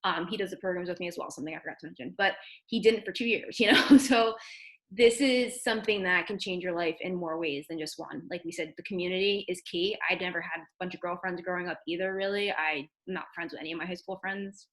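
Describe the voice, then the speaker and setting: A woman's voice: on the low side, fast, a bit bright, rough recording. A woman from New Jersey hosting a video call as a fitness team leader, chatty and encouraging in a casual motivational talk.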